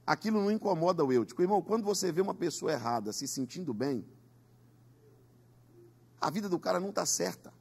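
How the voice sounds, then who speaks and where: A pastor, a man with a husky, slightly raspy voice, preaches an emphatic sermon in a church. He asks the congregation to repeat his words and talks in a high register. His pitch leaps widely from line to line. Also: expressive, fast talker, pauses often, darkish tone. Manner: emphatic preaching with call-and-response. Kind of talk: Pentecostal sermon.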